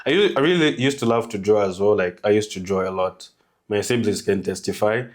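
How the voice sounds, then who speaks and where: A man's voice: lowish voice, fairly quick. A man hosting a podcast who talks in a laid-back way, often laughing and filling his questions with "like". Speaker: podcast host. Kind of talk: casual podcast interview.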